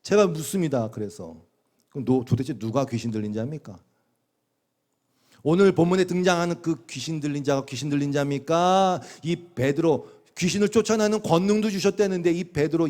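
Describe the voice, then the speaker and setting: A man's voice: fairly high pitch, brisk, a little mellow. A middle-aged male pastor preaching a sermon in a conversational way, asking the congregation questions and acting out quoted voices with big swings.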